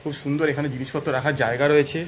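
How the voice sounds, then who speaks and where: A man's voice: a little high, steady tone, very fast, a little hiss or hum. A man vlogging a walking tour of a guest house, chatting straight to viewers and listing each feature of the rooms. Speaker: travel vlogger. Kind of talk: walking hotel tour, casual chat to viewers.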